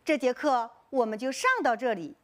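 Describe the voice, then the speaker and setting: A woman teaching a recorded online lesson for first graders, coaxing and lively, stretching out the task titles. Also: fairly high pitch, normal speed. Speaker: primary school teacher.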